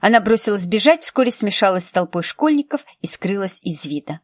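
A woman narrating a novel in a measured storytelling manner, recorded close to a studio mic. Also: medium pitch, expressive, dry recording. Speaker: audiobook narrator. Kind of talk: scripted narration.

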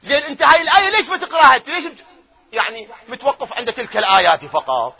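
High-voiced cleric, swinging loud and soft. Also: male voice, expressive, racing, breathy edge, dull audio. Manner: rising to loud emphatic chanting of verses, then dropping to quiet asides; asks his audience questions and answers them himself. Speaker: cleric lecturing on doctrine. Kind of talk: religious lecture.

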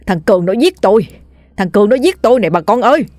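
A woman's voice: medium pitch, expressive, fast talker, darkish tone, voice pushed up, natural voice. A woman voicing a wounded older man who wails frantically to the neighbours for help. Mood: panicked. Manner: wailing, frantic cries.

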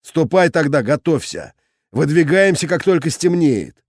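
A man voicing a hot-tempered male company commander who shouts and gives orders in an audiobook. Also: on the high side, lively intonation, measured pace, dry recording, studio quality. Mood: commanding. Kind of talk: audiobook character voice.

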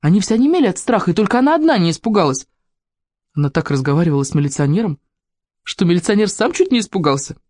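Expressive storybook narrator, dry sound. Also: medium pitch, quick pace, no echo. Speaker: audiobook reader.

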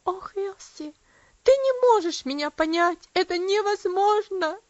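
A woman's voice: sits high, moderate pace, dry recording, dull audio, pitched above the performer's own voice, lightly acted. A woman reader voicing a passionate young aunt, impassioned and grief-stricken at times, tender at others. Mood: anguished. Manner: impassioned outbursts.

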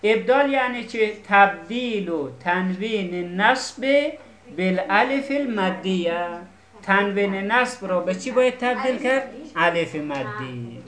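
A woman's voice: mid-range voice, lively intonation, fairly bright tone. A woman teaching a class, patiently explaining and often asking if the students follow. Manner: patient, keeps checking students understand. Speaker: Arabic teacher. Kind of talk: classroom lesson. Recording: echoey classroom.

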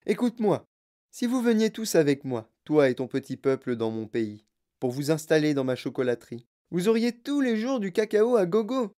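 An eccentric grown man who owns a chocolate factory, as a reader puts him on. He tells his story with animated, wide-ranging pitch, like a storybook showman. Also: normal speed, natural voice. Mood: enthusiastic.

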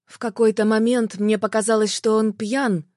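A woman's voice: a little high, flat delivery, moderate pace, darkish tone, no echo, studio quality. A woman narrating a tense, emotional first-person story as an audiobook.

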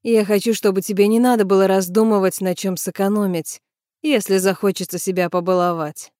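A woman doing a gentle patient young man. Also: high-pitched, steady tone, a little fast, no room sound, studio quality, lightly acted. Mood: tender.

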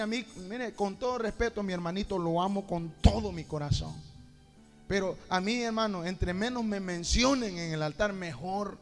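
A middle-aged male pastor delivers a fervent sermon in a high voice that rises to passionate shouts. He speaks in a large hall with a long echo while soft music plays behind him. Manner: impassioned preaching, rising to shouts.

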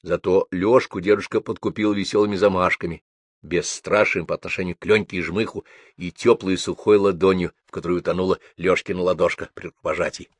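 A man narrating a novel aloud in a measured, even storytelling manner. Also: sits low, no echo. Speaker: audiobook reader.

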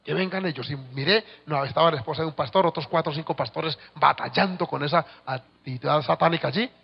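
A man preaching a sermon as pastor, telling a story and swinging from hushed tones to shouts. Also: a little high, fast, vocal fry, breathy edge. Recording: dull lo-fi recording with long hall reverb.

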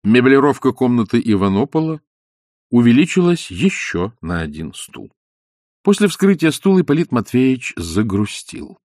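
A man narrating an audiobook in an expressive storytelling manner. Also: mid-range voice, moderate pace, dry recording, studio quality.

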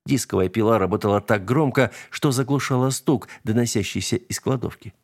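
Man, audiobook narrator, scripted story reading, steady, expressive. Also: mid-range voice, fairly quick.

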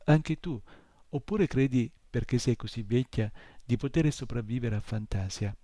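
A man's voice: mid-range voice, moderate pace, warm tone, no room sound, studio quality, lightly acted. A man reading the lines of a determined young boy hero in a story, pressing and pleading urgently. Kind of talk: audiobook reading.

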